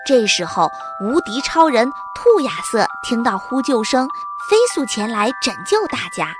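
Animated woman telling a children's story. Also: a little high, moderate pace, music in the background. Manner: expressive, animated.

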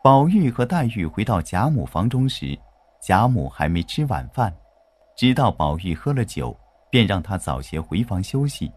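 A man narrating a children's story in an expressive, animated way. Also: lowish voice, moderate pace, husky.

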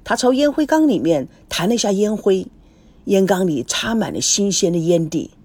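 A woman reading a dramatic family story aloud, voicing every character herself and shouting in the angry scenes. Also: mid-range voice, expressive, normal speed.

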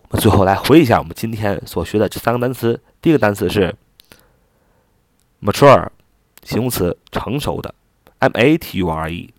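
A man's voice: lowish voice, no room sound. A man teaching English vocabulary, explaining step by step with filler particles and spelling each word out letter by letter. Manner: spells words out letter by letter and repeats them.

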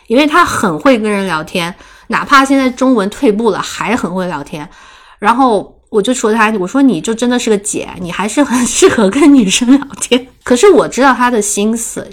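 Young woman co-host, casual storyteller, laughs often, mid-pitched voice. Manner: lively, laughs often while telling a story. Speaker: podcast co-host.

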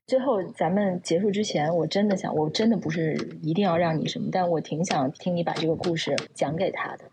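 A woman hosting a conversational interview, asking questions in a thoughtful, gently probing way. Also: lowish voice, a little fast, slight background noise, poor audio. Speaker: host.

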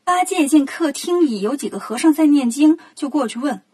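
A woman telling a children's story as the show's host, gentle and expressive. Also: sits high, normal speed. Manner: gentle, expressive, clearly paced.

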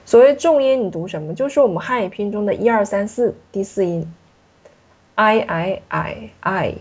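A woman teaching a French alphabet lesson at a medium pitch. She is patient and repeats each letter slowly so the learner can follow. The recording is somewhat dull and lo-fi. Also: dark tone, husky.

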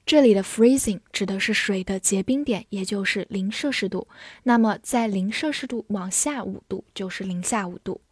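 A woman teaching English vocabulary in a clear, patient way, spelling words out and reading example sentences slowly. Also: mid-range voice, no echo, studio quality. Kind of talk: vocabulary lesson.

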